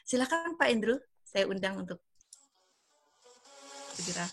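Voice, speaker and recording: A woman's voice: medium pitch, very animated, measured pace, over music. A woman in her fifties from Indonesia, hosting an online business presentation over a video call and speaking with frequent fillers. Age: 50s. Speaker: event host and emcee.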